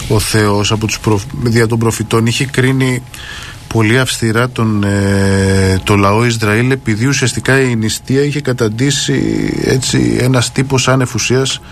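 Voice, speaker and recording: A man on a radio Bible discussion, explaining earnestly, often pausing with fillers and quoting scripture at length. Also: mid-range voice, fairly even intonation, slight background noise. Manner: quotes scripture aloud at length.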